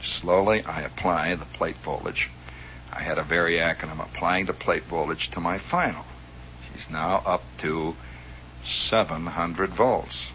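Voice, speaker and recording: A man telling a story in a radio monologue, animated and chuckling as he acts out the scenes, on a dull lo-fi recording. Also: low voice, a little slow, a little hiss or hum.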